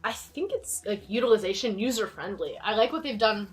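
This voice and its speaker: A woman with a raspy throat, talking casually as co-host of a board game review discussion. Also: medium pitch, lively intonation, brisk, poor audio.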